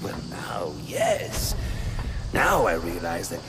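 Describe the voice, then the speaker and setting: An actor playing a theatrical, deranged clown supervillain in a video game cutscene, manic and brooding by turns, with drawn-out, unpredictable phrasing. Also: male voice, low-pitched, sing-song, very noisy, full character voice. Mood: brooding, intense.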